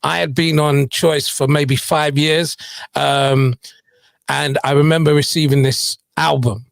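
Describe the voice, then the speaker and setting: Gravelly-voiced male radio host. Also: fairly high pitch, fairly even intonation, a little slow, no echo. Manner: chatty, joking, self-mocking. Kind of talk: casual on-air chat and song introductions.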